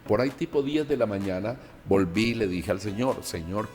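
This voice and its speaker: A man, a pastor from Colombia, recounting a personal testimony and acting out the dialogue in an animated way. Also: fairly low pitch, fairly quick, big-room sound, faint music behind.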